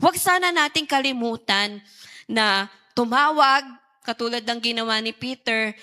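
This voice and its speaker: High, bright woman preaching. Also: normal speed. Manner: engaging, asks the audience questions. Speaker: youth preacher. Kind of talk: sermon.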